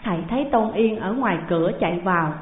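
Woman narrating. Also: mid-range voice. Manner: slow, measured reading. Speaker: storyteller. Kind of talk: scripted narration of a classical tale. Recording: tinny phone-like sound, long hall echo.

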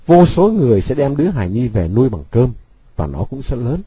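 A man's voice: medium pitch, very animated, fairly quick, warm tone, breathy edge, dry recording. A man voicing a bitter, defiant young man who mocks his father with sweet sarcasm. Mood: mocking. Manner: sarcastic, cutting, sweetly mocking.

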